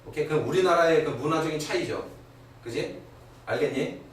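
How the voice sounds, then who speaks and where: Middle-aged guy teaching grammar, keeps going "okay? right?", slightly high voice, far off in a really echoey room w/ faint hiss. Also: brisk. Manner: animated, keeps asking "그지?" and "오케이?". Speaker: English teacher. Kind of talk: classroom lecture. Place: academy classroom. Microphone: far camera.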